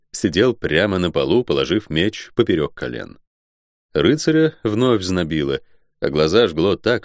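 A man narrating a fantasy audiobook in an expressive storytelling manner. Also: deep voice, no room sound, studio quality.

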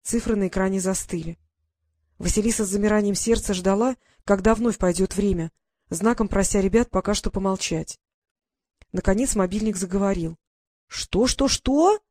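A woman's voice: medium pitch, fairly even intonation, fairly quick, warm tone, no room sound. Woman narrating an audiobook, dry sound.

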